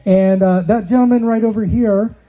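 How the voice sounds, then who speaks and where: Male interview host, higher register, casual chat, slightly lo-fi sound. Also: fairly even intonation, moderate pace. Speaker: show host.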